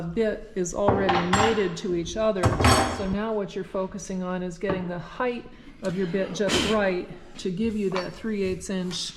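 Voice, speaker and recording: A woman hosting a conversational how-to interview, asking questions and restating technical details. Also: medium pitch. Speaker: interviewer of the woodworker. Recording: echoey workshop, background noise.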